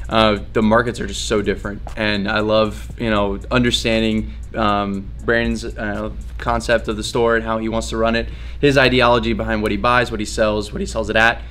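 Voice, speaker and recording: A man's voice: fairly low pitch, flat delivery, moderate pace, hardly any pauses, a bit bright. A man in his twenties chatting casually in slang as a guest in a vlog shot in a shop. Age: 20s. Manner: vlogger-style chat, slangy. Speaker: vlog guest, sneaker reseller. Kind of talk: casual chat. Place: indoor sneaker shop. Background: music.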